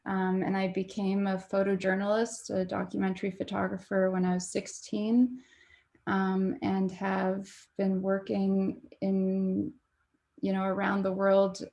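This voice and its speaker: Slow, gravelly young woman photographer. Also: mid-range voice, completely flat delivery, dark tone. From Canada. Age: young adult. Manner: reflective, hesitant with many fillers. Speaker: documentary photographer. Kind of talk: panel talk.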